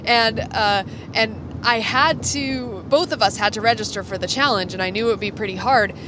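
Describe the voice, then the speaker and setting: A woman co-hosts a podcast from the driver's seat of a moving car, chatting casually and enthusiastically. Her voice is fairly high and at normal speed, with vehicle and road noise clearly audible behind it.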